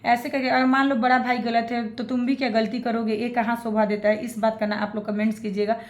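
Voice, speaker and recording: A woman's voice: a little high, little pitch movement, fairly quick, roomy sound. A woman giving opinionated reaction commentary, repeating her points and putting questions straight to her viewers. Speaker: reaction vlogger.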